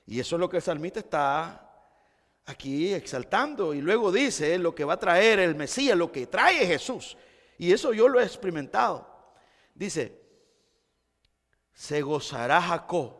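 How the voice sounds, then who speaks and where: A man preaching a sermon, moving from quiet explanation to loud, impassioned exclamations. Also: high voice, lively intonation, moderate pace. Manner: impassioned, swings between quiet and shouting. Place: church sanctuary. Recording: church hall reverb.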